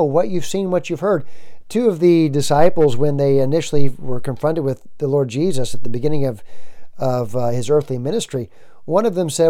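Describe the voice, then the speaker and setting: Male preacher from the US, mellow and slightly high-pitched, emphatic sermon delivery. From United States. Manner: earnest, emphatic, rhetorical questions.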